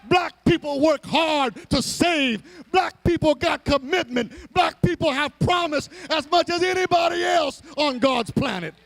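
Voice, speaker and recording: This man's extremely high, slightly bright voice is creaky and a little slow, with few pauses, as he preaches before a live audience. The delivery is a dramatic, impassioned sermon that leans on emphatic, rhythmic repetition.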